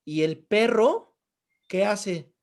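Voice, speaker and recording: A man's voice: sits high, lively intonation, very slow. Man teaching a Bible class. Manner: asks the class rhetorical questions and answers them. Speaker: theology teacher.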